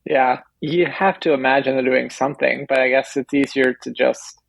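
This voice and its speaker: A man co-hosting a casual podcast, making dry, wry remarks in a gravelly, husky voice. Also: medium pitch, steady tone, normal speed, no room sound, rough recording. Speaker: podcast co-host.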